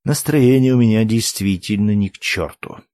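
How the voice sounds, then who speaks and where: A man's voice: on the low side, normal speed, warm tone, dry recording, close to an everyday voice. A man reading an audiobook, voicing a weary male character who grumbles sardonically. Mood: grumbling.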